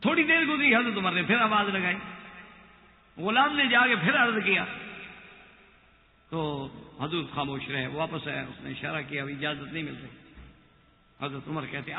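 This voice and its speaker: High-voiced man preaching in an echoing hall. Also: vocal fry, long pauses. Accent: Pakistani Urdu. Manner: animated retelling, acting out quoted speech. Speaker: Islamic scholar lecturing. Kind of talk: sermon storytelling. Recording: echoey hall over a tinny, lo-fi line.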